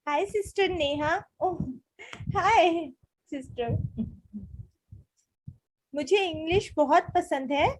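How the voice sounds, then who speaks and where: Woman, young adult, English teacher answering letters, encouraging, slow deliberate pace. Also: sits high, poor audio. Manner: encouraging, reads out letters and replies. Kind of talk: casual Hindi-English teaching talk.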